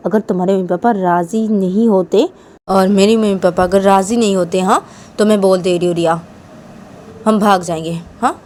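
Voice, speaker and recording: A woman's voice: fairly low pitch, darkish tone, a little hiss or hum, close to an everyday voice. A woman voicing an angry young woman who scolds her girlfriend insistently. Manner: scolding, insistent, repeats the name.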